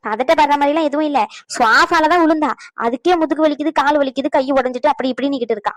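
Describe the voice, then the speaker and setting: A woman's voice: sits high, quick pace, dry recording, close to an everyday voice. A woman voicing a fussy, meddling but kind elderly grandmother in a cartoon, nagging and chatty. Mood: gossiping. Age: older. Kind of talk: cartoon voice acting.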